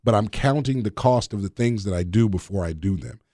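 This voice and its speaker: Low-voiced man chatting on a podcast. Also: animated, fairly quick, mellow, dry recording, studio quality. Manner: conversational, storytelling, quotes scripture. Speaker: podcast co-host.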